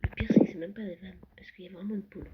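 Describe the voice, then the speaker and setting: A young vlogger touring a Minecraft world late at night, often whispering and speaking softly. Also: medium pitch, steady tone, rapid-fire, lo-fi sound. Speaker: gaming vlogger. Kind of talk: casual Minecraft world tour. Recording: loud background noise.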